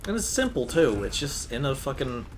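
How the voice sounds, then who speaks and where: A man's voice: mid-range voice, very animated, moderate pace. A young man with a sore, scratchy throat, rambling and swearing casually as a host while he plays a game. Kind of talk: casual chat while gaming.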